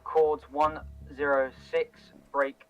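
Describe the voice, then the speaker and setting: A man calling in orders over a helmet-style radio intercom in terse, steady military radio procedure. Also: on the high side, slow. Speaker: game player calling in over squad radio. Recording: lo-fi radio audio with faint music.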